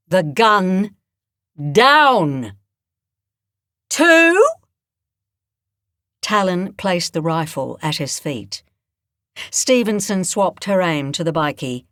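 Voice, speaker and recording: A woman narrating a thriller audiobook in a measured, expressive way. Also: sits low, no room sound, clean studio sound. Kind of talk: scripted narration.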